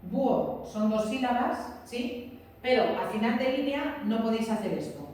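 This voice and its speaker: A woman's voice: fairly high pitch, lively intonation, moderate pace, darkish tone, far from the mic. Woman, teacher, classroom lecture, repeats and checks in, roomy, faint room noise. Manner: explains patiently, repeats key points, checks with students.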